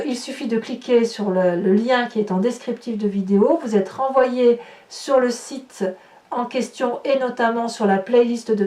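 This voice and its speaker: Warm in tone and slightly high, the tarot reader chats reassuringly through her reading, often breaking off to restart a phrase. The recording catches her at a distance in an echoey space.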